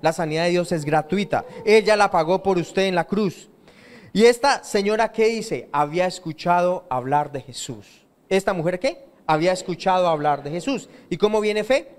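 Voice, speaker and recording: A man's voice: sits high, expressive, moderate pace. A man preaching a sermon in a church, asking the congregation questions and answering them himself. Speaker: pastor.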